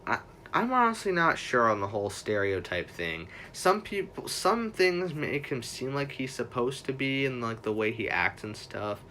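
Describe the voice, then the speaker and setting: A man's voice: medium pitch, big pitch swings, moderate pace, hardly any pauses, bright, forceful tone, slight background noise. A young man hosting a livestream in a casual, rambling way, correcting himself often as he chats. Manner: rambling, self-correcting, chatty fan talk. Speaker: livestream host.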